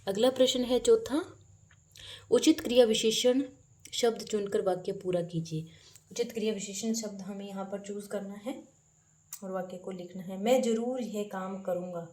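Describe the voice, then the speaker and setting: A woman's voice: medium pitch, fairly even intonation, moderate pace, a little mellow. A woman teacher going through workbook grammar exercises, reading each question aloud and then explaining the answer.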